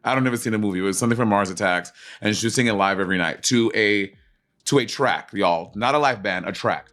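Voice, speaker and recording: A man's voice: lowish voice, fast talker, faint music behind. Man telling a wild story. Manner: animated storyteller, swears freely, acts out others' lines. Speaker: drag performer and co-host. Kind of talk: casual chat.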